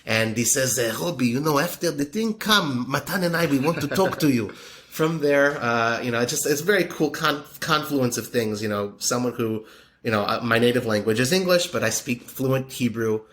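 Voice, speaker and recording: A man with a mid-range voice and lively intonation talks at a moderate pace. A podcaster and poker media guest, he tells a friendly story in a casual interview, warm and admiring, rambling with lots of fillers and restarts.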